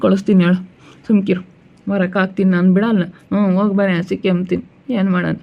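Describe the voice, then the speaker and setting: Man, rural Chitradurga Kannada accent, sorrowful, gravelly, narrow-band phone-like sound. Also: high-pitched, flat delivery, fast talker. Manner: sorrowful, mournful. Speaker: relative in village vlog. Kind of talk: casual chat.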